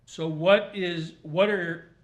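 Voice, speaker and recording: A man speaking as a magistrate at a formal hearing, questioning and ruling in deliberate, halting, formal phrases. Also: high voice, fairly even intonation. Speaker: magistrate presiding over a hearing.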